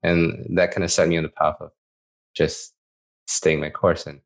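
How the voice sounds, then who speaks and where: Very deep-voiced Malaysian-born male host. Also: little pitch movement, normal speed. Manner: hesitant, with restarts and fillers. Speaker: podcast host. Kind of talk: casual podcast interview.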